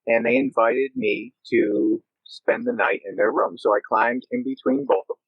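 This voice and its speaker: A man's voice: medium pitch, huge pitch swings, moderate pace, vocal fry, no echo. A man from Massachusetts, a guest paranormal investigator, telling a story over a choppy, breaking-up video call with many "uh" fillers. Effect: choppy, breaking-up video call connection. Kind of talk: casual interview answers. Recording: dull lo-fi call audio.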